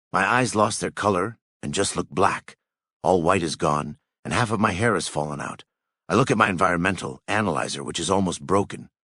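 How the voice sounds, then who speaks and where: Deep-voiced man reading a somber story. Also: fairly bright tone, dry recording, clean studio sound. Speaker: story narrator. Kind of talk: first-person fan fiction reading.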